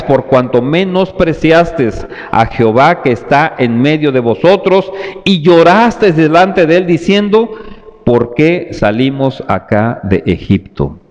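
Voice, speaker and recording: A man preaching at an unhurried, measured pace, drawing out his words as he appeals to his congregation. His voice trails off into the long reverb of a church hall. The recording is dull and lo-fi. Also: medium pitch, a little mellow. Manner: slow, deliberate preaching, calling out to the brethren. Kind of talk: sermon.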